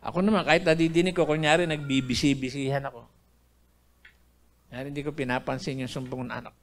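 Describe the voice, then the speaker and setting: A man's voice: medium pitch, steady tone, quick pace. An older man from the Philippines, earnestly telling his personal faith testimony to his listeners. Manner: earnest storytelling, addressing listeners as brethren. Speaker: testimony speaker.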